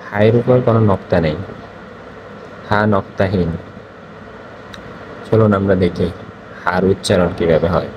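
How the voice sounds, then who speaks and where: A man teaching the Quran, slowly sounding out each Arabic letter, repeating it and asking and answering his own questions. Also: lowish voice, lo-fi sound, background noise. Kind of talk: slow classroom lesson on letter pronunciation.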